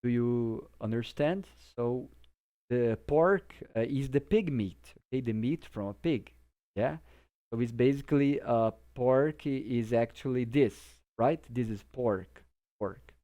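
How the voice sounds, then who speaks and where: In a mellow, medium-pitched voice and at a slightly slow pace, a Brazilian man teaches English vocabulary. This English teacher, a native Portuguese speaker, keeps things informal with simple explanations and regularly checks that the listener understands.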